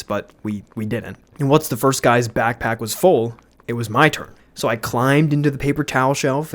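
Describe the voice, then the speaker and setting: A young man, a YouTuber, telling a storytime with animation, laughing and swearing freely. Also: medium pitch. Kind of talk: storytime narration.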